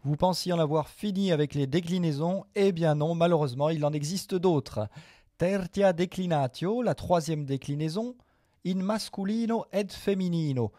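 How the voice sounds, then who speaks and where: A man teaching a Latin grammar lesson to viewers, patient and methodical, repeating each form slowly with small hesitations. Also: a little high, warm tone, dry recording, clean studio sound.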